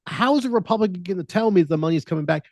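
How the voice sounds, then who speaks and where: A man's voice: high voice, expressive, racing, dry recording, clean studio sound. Blunt, wisecracking male co-host. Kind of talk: casual live commentary.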